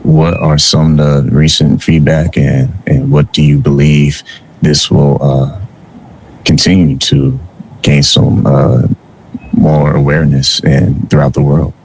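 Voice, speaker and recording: A man's voice: a bass voice, little pitch movement, takes it slowly, creaky, darkish tone, slight background noise, low-quality recording. A man hosting an interview, asking long questions with many hesitations. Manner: fumbling, many uh fillers. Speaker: interviewer, host.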